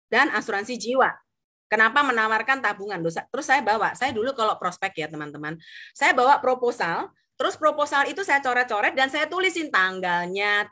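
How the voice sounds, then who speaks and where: A middle-aged woman from Indonesia, an insurance agent telling anecdotes on a live stream, acting out the voices of the people in her stories. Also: medium pitch. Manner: animated storytelling, acts out quoted voices. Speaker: insurance agent sharing experience.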